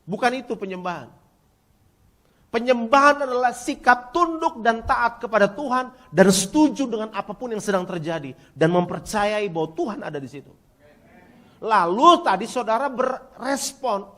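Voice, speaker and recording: A male pastor preaching a sermon, talking straight to the congregation and calling for their replies, swinging from near-shouts down to quiet, low passages. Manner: emphatic preaching, rising to near-shouts, then dropping quiet; addresses congregation directly, asks for replies.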